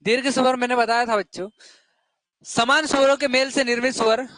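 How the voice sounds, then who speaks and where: A man's voice: extremely high pitch, fairly even intonation, a little fast, fairly bright tone, no echo. A male teacher giving a classroom lesson to children, asking questions and drilling the answers over and over.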